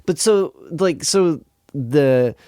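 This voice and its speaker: A man hosting an interview, talking in an enthusiastic, halting way with many fillers. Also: fairly high pitch, warm tone, no echo, clean studio sound. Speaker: interview host. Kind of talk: casual interview.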